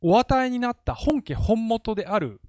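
A man's voice: extremely high pitch, moderate pace, no echo. A man preaching a casual, chatty sermon as pastor, laughing easily as he talks. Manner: chatty and animated, laughs often.

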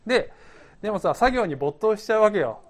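A man giving a relaxed, conversational sermon as pastor. He tells stories from his own life and often laughs at himself. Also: sits high, a little fast, very noisy.

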